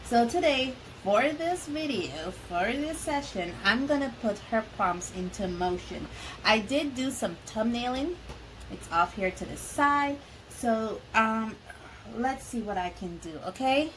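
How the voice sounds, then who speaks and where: A woman's voice: on the high side, animated, a little slow, rough recording. Sniffly woman chatting over rain noise. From Belize. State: sniffly from allergies. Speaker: art channel host. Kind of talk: casual art vlog chat. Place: at home near a highway, rain on the house. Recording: home recording with rain and ambient noise. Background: rain, outdoor ambience.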